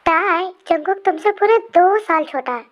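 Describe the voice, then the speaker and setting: A woman's voice: extremely high pitch, lively intonation, moderate pace, lo-fi sound. A woman voicing an overworked sister-in-law who complains and scolds the family, in a fan storybook reading. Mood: scolding. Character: nagging sister-in-law, busy homemaker.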